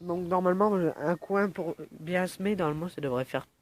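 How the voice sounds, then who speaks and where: Filming his yard on his phone camera, a young man who has a cold rambles through a casual outdoor vlog, full of fillers, in a high voice that moves a little fast.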